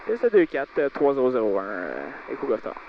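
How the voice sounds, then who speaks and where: A man with a Quebec French accent making halting pilot radio calls, heard over the aircraft radio. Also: mid-range voice, wildly swooping pitch. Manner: halting, with many filler pauses. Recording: muffled radio with engine noise.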